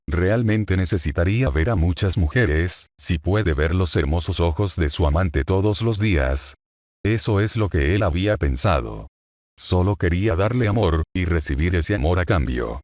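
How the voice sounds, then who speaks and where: Deep-voiced man narrating a fan story. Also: a little mellow, no room sound, clean studio sound.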